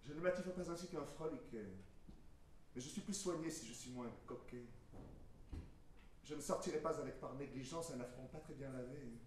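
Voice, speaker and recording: A man's voice: medium pitch, moderate pace, natural voice. A man acting a proud, witty, mocking swordsman poet on stage, declaiming verse in a hammy theatrical manner. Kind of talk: verse stage play performance. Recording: echoey hall from far off, noisy.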